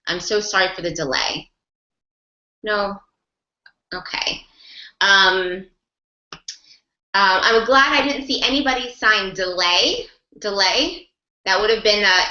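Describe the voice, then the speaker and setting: In an online group class, a woman mentors sign language interpreters, encouraging them and working through examples with plenty of rephrasing and repetition. Her medium-pitched voice has a sharp tone, and the recording is muffled with an echoey room.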